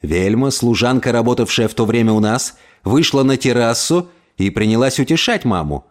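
A man reading a first-person story aloud in an expressive narration. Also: mid-range voice, moderate pace. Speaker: audiobook reader.

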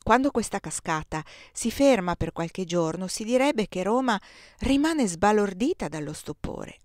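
A woman narrating a classic novel aloud in a measured, expressive reading. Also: mid-range voice, dry recording, studio quality. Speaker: audiobook reader.

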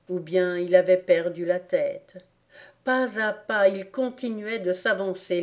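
A woman reading a novel aloud as an audiobook narrator, in a measured storytelling manner. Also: mid-range voice, a little mellow. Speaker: audiobook reader. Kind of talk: scripted narration.

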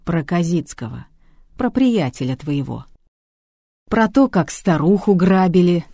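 The audiobook narrator voicing a huge male detective who barks orders and threatens slowly. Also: medium pitch, expressive, gravelly, warm tone, dry recording, studio quality. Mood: gruff menacing. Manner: barking orders, slow and threatening. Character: huge menacing male detective, gruff and blunt.

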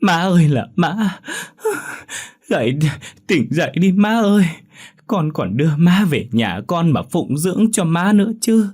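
A man's voice: fairly high pitch, sing-song, measured pace, a little mellow, breathy edge, voice pushed up, exaggerated voice. Man doing a grown son wailing theatrically. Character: loudly wailing fake-grieving grown son.

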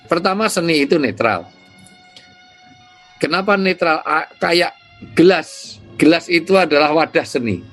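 A man, an Islamic cleric, explaining ideas in an interview with lively storytelling. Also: on the high side, unhurried, long pauses, faint music behind. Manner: lively storytelling with imitated sounds.

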